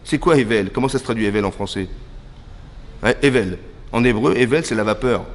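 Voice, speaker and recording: A man from France teaching a lively religious class, acting out dialogues and quizzing his listeners. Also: mid-range voice, fairly quick. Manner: animated, acts out dialogues, asks listeners questions. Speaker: rabbi teaching a women's class. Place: lecture hall. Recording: hall reverb.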